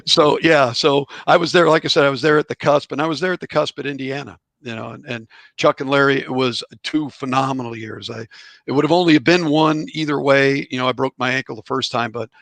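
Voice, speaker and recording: Gravelly middle-aged man telling stories. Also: mid-range voice, steady tone, fairly quick, a bit bright, dry recording. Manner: chatty, rambling anecdotes with chuckles. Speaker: guest, author and former college outfielder. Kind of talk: relaxed storytelling in a podcast interview.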